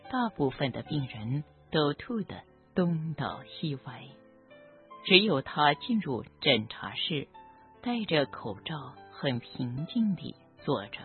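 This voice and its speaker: A doctor telling a story about a patient in a gentle, measured, reflective narration. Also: medium pitch. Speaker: doctor treating cancer patients. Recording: tinny phone-like audio with faint background music.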